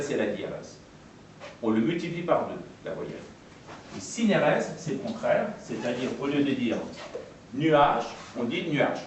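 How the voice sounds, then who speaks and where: A man's voice: mid-range voice, far from the mic, slight background noise. Man lecturing in an echoey room. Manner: patient, repeats and spells out terms, pausing often. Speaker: lecturer on poetry translation. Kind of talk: explanatory talk to an audience.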